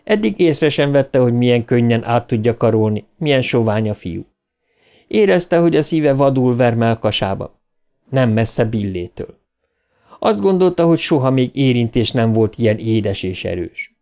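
A man reading a horror novel aloud as an audiobook narrator, measured and dramatic. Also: medium pitch, lively intonation, a little mellow. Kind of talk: scripted narration.

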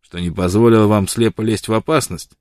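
A man playing a gruff, blunt old frontiersman who talks loudly and insistently. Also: lowish voice, fairly even intonation, fairly quick, no echo, close to an everyday voice. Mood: devoted.

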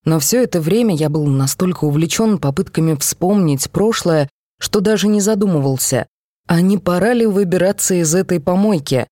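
A woman reading a first-person novel aloud, expressive and voicing each character. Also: lowish voice, moderate pace, no room sound, studio quality. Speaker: audiobook reader. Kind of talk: scripted first-person narration.

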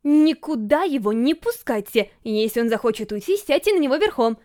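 A woman voicing a stubborn, sharp-tongued young princess, scolding and indignant in an audiobook reading. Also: high voice, lively intonation, fairly quick. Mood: commanding.

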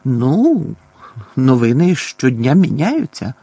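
A man's voice: mid-range voice, wildly swooping pitch, slow, warm tone, slightly rough, dry recording, full character voice. A man voicing a cool, defiant teenage boy in an audiobook, answering curtly. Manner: cool and curt.

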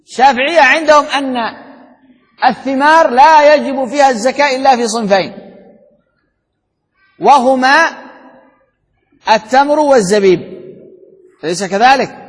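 Explaining a text on Islamic jurisprudence to a class, this man speaks in an extremely high, slightly rough voice at a moderate pace with frequent pauses. He raises rhetorical questions, answers them, and goes back over key points; the room carries hall reverb.

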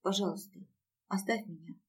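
A woman's voice: mid-range voice, normal speed, slightly rough, far from the mic, natural voice. A woman reading an audiobook and voicing a frightened, weary young woman.

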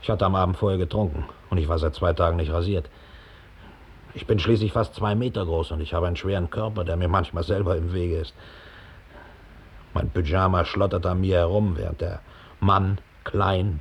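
Low-pitched and fairly even, with a moderate pace and a faint hiss or hum, an actor voices a hulking, unkempt, bitter Nazi operative of middle age. The piece is a radio drama monologue framed as a police statement, recorded in a studio in 1960, and he tells it with scorn and an inflated sense of himself.

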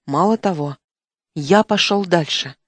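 Woman audiobook narrator, expressive read, dead-dry studio booth. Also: lowish voice, a little slow, no echo. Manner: expressive, acts out dialogue. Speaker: audiobook reader. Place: recording studio. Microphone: studio microphone.

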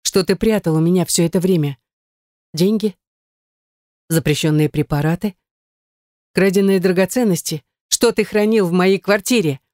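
A woman's voice: lowish voice, moderate pace, long pauses, a little mellow, no echo, natural voice. A woman voicing a young woman who is frightened and indignant, desperate and close to tears.

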